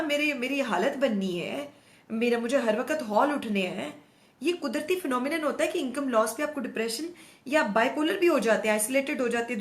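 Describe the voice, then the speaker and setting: A middle-aged woman host with a hoarse throat, talking outspokenly in a casual monologue and mixing in English words. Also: on the high side. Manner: outspoken, animated, mixes English words into Urdu. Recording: echoey room, no proper mic.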